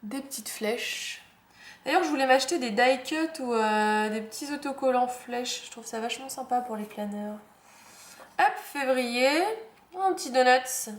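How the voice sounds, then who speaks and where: A woman's voice: a little high, moderate pace. A young woman chatting casually through a planner unboxing, fond of the cute details and saying "hop" as she turns each page. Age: young adult. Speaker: planner vlogger. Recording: echoey room with faint noise.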